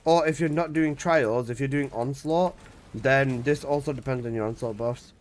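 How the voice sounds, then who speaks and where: On his live game stream, a twenty-something man with a mid-range voice talks at a moderate pace. He reads out messages from chat and loudly objects, dropping casual swear words along the way.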